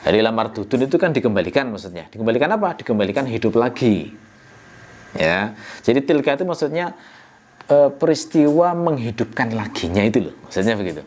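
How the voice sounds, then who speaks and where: A man teaching the meaning of a scripture passage in a relaxed, conversational way. He poses rhetorical questions and answers them himself. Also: mid-range voice, a little fast. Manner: conversational, frequent "ya" and "nah" fillers. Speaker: Quran exegesis teacher. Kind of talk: explanatory religious lecture.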